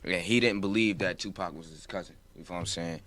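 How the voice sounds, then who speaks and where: A young man in his 20s from New Jersey, a rapper appearing as a guest in a casual interview, talks in a laid-back, rambling way and keeps saying "you feel what I'm saying." His voice is deep and fairly bright, sounds older than his years, and moves at a quick pace.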